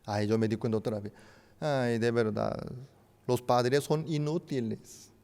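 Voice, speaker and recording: A man preaching a sermon as pastor, a non-native speaker of Spanish with a native Korean background, swinging between loud emphatic rises and hushed soft drops. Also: medium pitch, unhurried, clean tone. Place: church sanctuary. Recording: church hall with long reverb.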